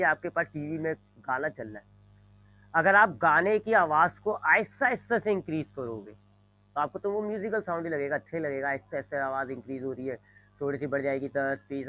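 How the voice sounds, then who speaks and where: With a slightly high, sharp-toned voice, a male physics teacher delivers a classroom lecture in a rough microphone recording. Repeated everyday examples carry his explanations, he draws on a board while speaking, and he often says "जी" alongside English terms.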